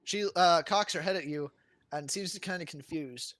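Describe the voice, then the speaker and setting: A man's voice: a little high, moderate pace, fairly bright tone, dry recording. A man running a tabletop game as game master, narrating with playful, dramatic flair.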